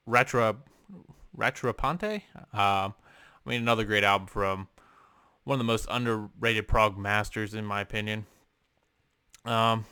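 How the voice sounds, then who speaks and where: A man's voice: medium pitch, pushed and bright, clean tone, no room sound, studio quality. A young man vlogging from his room, casually ranking albums with lots of ums and offhand swearing. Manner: rambling, many ums and uhs, casual swearing. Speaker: music vlogger. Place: home room.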